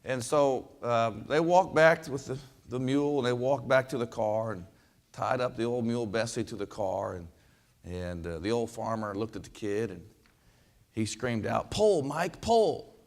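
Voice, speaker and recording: A man's voice: medium pitch, normal speed. A man from western Kansas, a basketball coach, giving a folksy storytelling speech with lots of fillers and repeated words. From western Kansas, USA.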